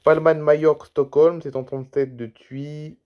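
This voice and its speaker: A man's voice: on the high side, flat delivery, normal speed, muffled recording, slight background noise. A tired man YouTuber giving rambling, chatty commentary over a screen recording, reading out flight routes one after another.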